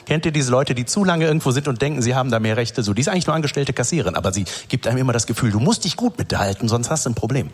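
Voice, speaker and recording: A man's voice: mid-range voice, very fast, few pauses, breathy edge. A man hosting a comedy show on stage, telling stories and acting out the people in them. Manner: animated storyteller, acts out quotes. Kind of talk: stand-up storytelling and hosting. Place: stage before a live audience.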